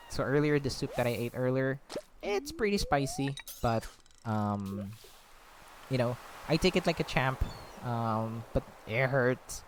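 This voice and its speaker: A gaming vlogger from the Philippines chats casually while he plays, rambling with lots of ums and sounding slightly breathless. His voice is medium in pitch, and the recording carries a little hiss or hum. He gets sidetracked easily and leans on fillers constantly.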